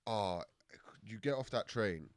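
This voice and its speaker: A man's voice: lowish voice, lively intonation, slow pace, no echo, studio quality. A young man with a South London accent, a stand-up comedian telling rambling anecdotes full of fillers on a podcast. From Croydon, South London, England. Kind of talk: casual podcast chat, storytelling. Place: podcast studio.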